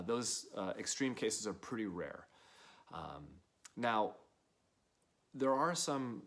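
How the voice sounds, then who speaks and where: A middle-aged man with a deep, low voice explains a health topic informally to the camera. He is a gym owner and coach who talks calmly and plainly, often pausing on filler sounds. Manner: calm, plain-spoken, frequent uh fillers.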